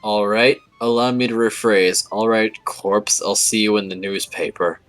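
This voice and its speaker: A man's voice: fairly low pitch, steady tone, normal speed, a bit bright, no echo, low-quality recording. A man speaking casually in tabletop role-play, bantering and narrating in character, with music playing behind him. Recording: background music.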